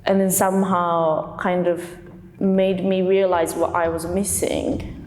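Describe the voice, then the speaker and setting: Woman, young adult, hesitant and reflective, lowish voice, lingering reverb. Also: flat delivery, slow pace, a little mellow. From Japan. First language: Japanese. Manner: hesitant, with many fillers. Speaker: dancer. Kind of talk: reflective interview talk.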